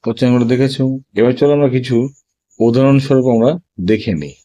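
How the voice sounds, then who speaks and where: A man's voice: medium pitch, steady tone, fast, warm tone, no room sound. A man teaching English pronunciation to his students, drilling letter combinations one by one in a spoken lesson. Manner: addresses students directly.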